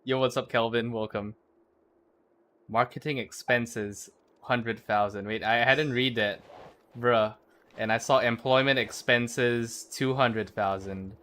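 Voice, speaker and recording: A man streams a video game as a livestreamer and VTuber, giving slangy, offhand commentary and muttering to his chat. His voice is mid-range, steady, slow and a bit bright, in a casual gameplay-stream style.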